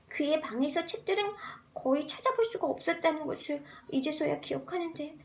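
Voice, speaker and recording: A woman's voice: high-pitched, gravelly. A woman reading a novel aloud as an amateur narrator, theatrically, practicing an altered voice. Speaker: amateur audiobook reader practicing voice changes. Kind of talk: expressive literary narration, voice-acting practice.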